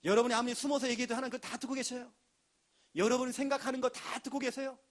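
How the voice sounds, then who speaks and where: A pastor delivering an emphatic sermon in a notably high voice. He drives his points home and slips into the voices of the people he quotes. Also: flat delivery, very fast. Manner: emphatic preaching with acted quotes.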